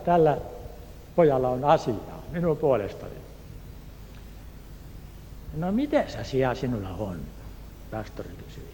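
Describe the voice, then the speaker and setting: A man from Turku, Finland, telling a personal testimony in an earnest, unhurried way and acting out the voices of the people in his story. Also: on the high side, dark tone. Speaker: speaker giving a personal testimony. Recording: echoey hall, faint background noise.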